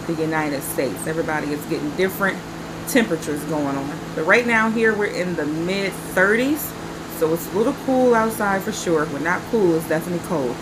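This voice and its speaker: A Carolinas woman in her forties hosts a vlog from a nighttime outdoor patio, smoking and chatting casually to camera. Her medium-pitched voice is a little nasal from a stuffy nose, and there's background noise.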